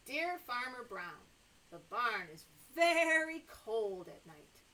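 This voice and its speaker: A middle-aged woman leads a read-aloud story time for small children, chatting in an exaggerated sing-song way in a small room with toys and a sofa. She speaks slowly in a very animated, high-leaning voice with a bright, forceful tone, and the recording is rough.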